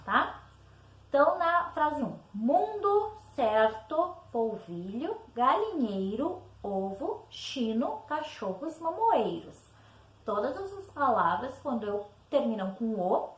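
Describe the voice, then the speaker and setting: A woman's voice: high-pitched, fairly bright tone. A woman with a Brazilian Portuguese accent, a teacher patiently explaining spelling exercises and checking in with her pupils. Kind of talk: recorded spelling lesson walkthrough. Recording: echoey room.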